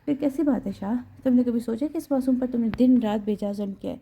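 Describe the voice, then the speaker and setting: A woman's voice: a little high, gravelly, warm tone, slightly rough. A woman voicing a stern older father who scolds his son in a reproachful manner.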